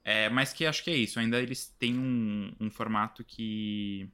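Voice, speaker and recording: A man's voice: fairly low pitch, steady tone, normal speed, pushed and bright, clear, resonant tone. A man with a Brazilian Portuguese accent co-hosting a podcast in casual chat, chatty and laughing often. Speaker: podcast co-host.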